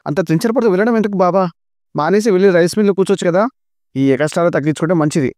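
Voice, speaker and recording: A man's voice: sits high, very fast, a little mellow, no echo, clean studio sound, voice pushed up, lightly acted. A man voicing a cheeky young brother-in-law who teases and jokes sarcastically. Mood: teasing. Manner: teasing, sarcastic.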